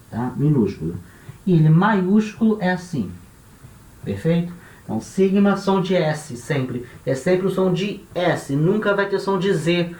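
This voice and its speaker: Brazilian male teacher, slightly high voice, slow and patient, repeats each sound, echoey room. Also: darkish tone. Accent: Brazilian Portuguese. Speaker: language teacher. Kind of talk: classroom-style lesson.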